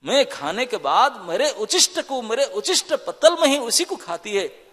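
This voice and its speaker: A man's voice: very high-pitched, very animated, unhurried, a bit bright, slightly rough, big-room sound, exaggerated voice. A man voicing a bewildered, devout poet husband who exclaims in disbelief. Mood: amazed. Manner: exclaiming, incredulous questions.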